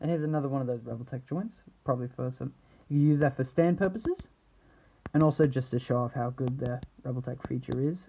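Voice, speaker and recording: A man giving a casual, unscripted product showcase as an action figure reviewer, rambling haltingly and trailing off mid-thought. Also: mid-range voice, gravelly, warm tone, low-quality recording.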